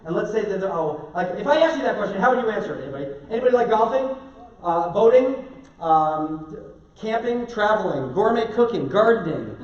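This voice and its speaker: Energetic male seminar speaker, high voice, heard from afar in an echoey hall. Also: fairly quick. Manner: energetic, chatty, asks audience questions. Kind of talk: live seminar talk. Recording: distant mic, echoey hall, dull lo-fi sound.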